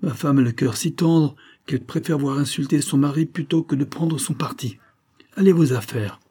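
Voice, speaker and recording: A man playing a proud, quick-tempered baronet who barks angry commands, in an audiobook reading. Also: medium pitch, warm tone, breathy edge, voice pushed up, lightly acted. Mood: furious.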